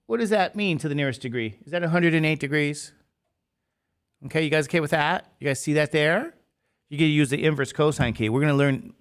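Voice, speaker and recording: A man teaching a math class, lecturing with quick questions to the students that he answers himself. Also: fairly high pitch.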